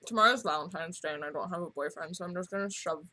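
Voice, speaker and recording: A woman's voice: on the low side, fast talker, sharp tone. A young woman co-hosting a casual chat, rambling and self-deprecating as she recaps. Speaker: co-host.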